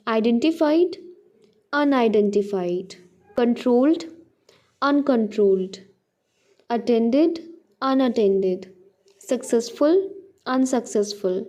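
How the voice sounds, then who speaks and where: A woman's voice: sits high, mellow. A woman teaching a textbook exercise lesson, mixing Hindi and English and spelling words out letter by letter. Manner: reads English slowly, explains fast in Hindi.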